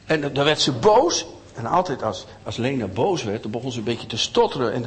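A middle-aged man telling a story to children in an animated way, often asking them questions. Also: medium pitch, brisk, in a large hall. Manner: animated, asks listeners questions.

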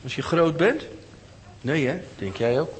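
Animated man telling a children's story. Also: fairly high pitch, measured pace, in a large hall. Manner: animated, asks listeners questions.

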